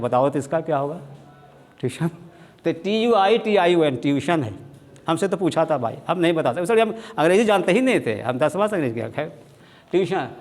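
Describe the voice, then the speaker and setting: A man's voice: fairly high pitch, darkish tone. Hindi-speaking man teaching spelling in an echoing hall. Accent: Bihari Hindi. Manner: repeats each word, spells it letter by letter. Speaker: English teacher. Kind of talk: classroom spelling lesson.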